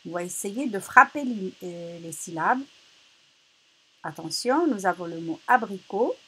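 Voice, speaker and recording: A female teacher leading a reading lesson for children, slowly repeating words and stressing each syllable loudly. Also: mid-range voice, expressive, background noise.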